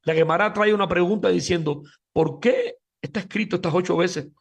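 A man's voice: sits high, a little fast, vocal fry, husky. A man giving a Talmud class lecture as a religious teacher, emphatic, speaking straight to his listeners and often stumbling over repeated words.

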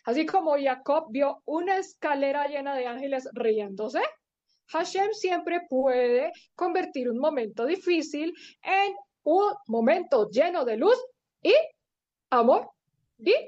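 Woman storyteller for little kids, high-pitched, playful sound effects, muffled lo-fi audio. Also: expressive, normal speed, darkish tone. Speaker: storyteller for young children. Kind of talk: bedtime story told to children. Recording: dull lo-fi recording.

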